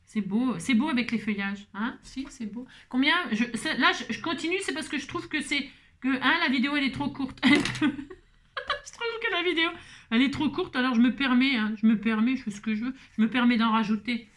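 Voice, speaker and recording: A woman's voice: sits high, a little fast, a bit bright. A woman hosting a craft tutorial, chatting playfully to herself and her viewers and breaking into song.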